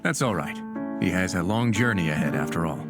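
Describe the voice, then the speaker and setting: An actor voicing a calm, courteous male warden in a game trailer, speaking low and politely. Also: fairly quick. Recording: game teaser over loud music.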